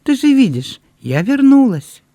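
A man reading aloud, voicing a warm, easily moved young woman in a storybook with a bright, eager manner. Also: high-pitched, big pitch swings, a little slow, dry recording, voice pushed up, heavily acted. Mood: tender.

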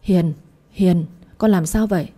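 A woman's voice: fairly low pitch, a little slow. A woman doing an old mother scolding her children. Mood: worried. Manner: shouting scolds. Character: middle-aged Vietnamese mother, fiercely protective, scolding.

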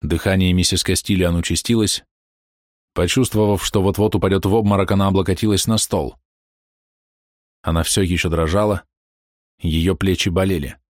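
A man reading a novel aloud in measured audiobook narration. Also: low voice, steady tone, no room sound, clean studio sound.

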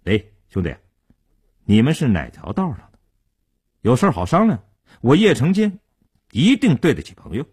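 A man's voice: medium pitch, huge pitch swings, normal speed, long pauses, darkish tone, slightly rough, full character voice. A man doing a wheedling captured gang boss. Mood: placating. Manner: wheedling, placating.

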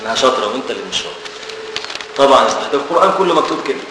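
A man's voice: medium pitch, very fast. Egyptian male teacher, banters with students, far from the mic. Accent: Egyptian Arabic. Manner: lively, bantering with students, repeats key words. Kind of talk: classroom lecture. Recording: echoey room from far off, ambient noise.

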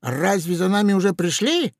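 A man voicing a grumpy, sharp-tongued talking parrot in a storybook, with squawking, indignant delivery. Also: high-pitched, big pitch swings, normal speed, creaky, no echo, studio quality, pitched above the performer's own voice, exaggerated voice.

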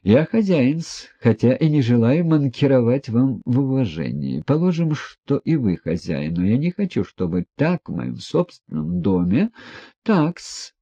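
A man's voice: medium pitch, big pitch swings, dark tone, husky, voice pushed up, exaggerated voice. A man doing a tipsy insolent landlord. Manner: drawn-out, servile "-s" endings. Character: tipsy spiteful landlord, fawning yet insolent. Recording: dull dry audiobook recording.

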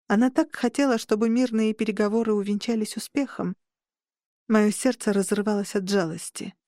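Brief: female audiobook narrator, mid pitch, very dry close recording. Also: darkish tone, no echo. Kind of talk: first-person audiobook narration.

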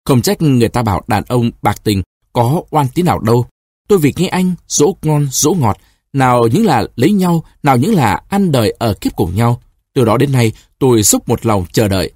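Voiced by a male reader, a distraught young woman begs and reproaches her lover in a husky, raised tone, pleading with bitter reproach. The mid-range voice is sing-song and darkish at a normal speed. The sound is dry and close with no echo, like a storybook reading.

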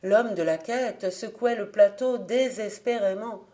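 A woman narrating an audiobook folk tale in a measured, calm storytelling voice. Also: mid-range voice. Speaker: audiobook reader. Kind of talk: scripted narration.

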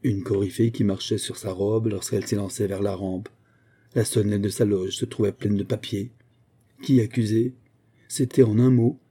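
A man reading a classic novel aloud in measured audiobook narration. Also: lowish voice, dark tone, slightly rough.

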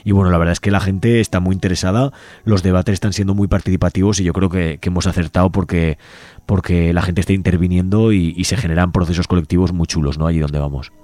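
On a community radio show, a deep-voiced man reads out upcoming events at a quick pace, in a relaxed, conversational style. These are casual announcements, and he keeps capping his points with a questioning "right?"

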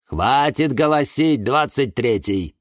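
A man's voice: medium pitch, lively intonation, takes it slowly, dry recording, clean studio sound, pitched above the performer's own voice. A man voicing a bossy, nosy female cactus who talks down dismissively in a storybook. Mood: scolding. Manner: dismissive, scolding.

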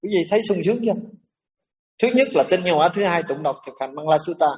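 A man preaching as a Buddhist monk, emphatic and animated, dropping in English and French terms. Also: high voice, fast, far from the mic. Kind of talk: sermon to a congregation.

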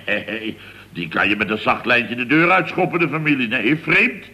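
A man's voice: medium pitch, normal speed, pushed and bright. A man playing a put-upon, grumbling character in a 1960s radio comedy sketch, who rambles and stammers as he tells his story. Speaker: worker at a building firm.

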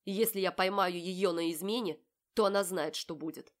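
A woman's voice: on the low side, normal speed, natural voice. A woman voicing a cold, commanding young man. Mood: menacing. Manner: curt, commanding, mocking. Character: cold self-assured predatory young man. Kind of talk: audiobook character voice.

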